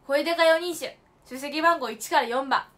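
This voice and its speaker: A woman's voice: high voice, normal speed, a bit bright, slight background noise. A young woman in her late teens hosting a casual livestream, telling stories with playful, emphatic asides and mixing polite speech with slang. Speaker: idol livestream host.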